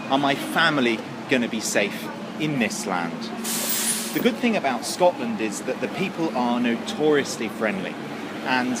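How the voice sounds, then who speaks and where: A man presenting a mock travel report in a deadpan, mock-serious manner, outdoors in city streets. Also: medium pitch, heavy background noise. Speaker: comic presenter.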